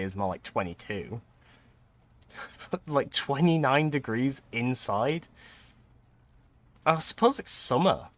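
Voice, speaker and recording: A man's voice: mid-range voice, a bit bright. Chatty man streaming a game. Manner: chatty, thinks aloud, laughs often. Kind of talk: casual gameplay commentary.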